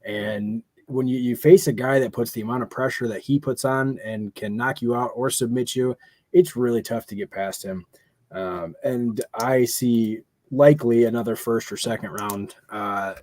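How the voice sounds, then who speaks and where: Dude breaking down fights on a podcast, dry close sound, kinda halting. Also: male voice, mid-range voice, darkish tone, dry recording. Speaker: podcast co-host. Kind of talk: casual sports betting podcast.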